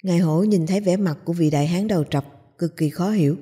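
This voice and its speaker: A woman narrating a novel in a steady storytelling manner, voicing each character. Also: lowish voice, quick pace, husky. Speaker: audiobook narrator.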